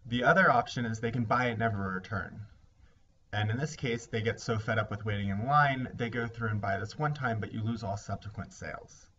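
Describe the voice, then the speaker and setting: A man with a low-pitched voice delivers a recorded lesson, walking through each point in a measured, explanatory way. The recording sounds slightly dull and lo-fi, with faint hiss underneath. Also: bright, forceful tone. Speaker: instructor. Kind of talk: recorded lecture.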